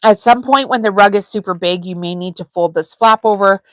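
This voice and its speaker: A woman's voice: mid-range voice, a little fast, dry recording, rough recording. A woman hosting a live sewing tutorial, talking casually and chattily with frequent ums as she works. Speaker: sewing channel host.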